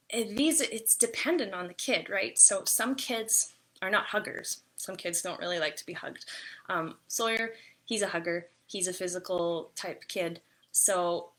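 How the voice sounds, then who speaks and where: A young adult woman giving casual parenting advice in a chatty, gentle way, with many fillers and restarts. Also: mid-range voice. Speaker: parenting and wellness vlogger.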